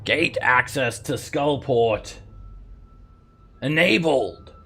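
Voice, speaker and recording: A man voicing a magical disembodied male voice for a tabletop game, announcing in a slow, unearthly way. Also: medium pitch, animated, bright, forceful tone, pitched above the performer's own voice, heavily acted. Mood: solemn, booming.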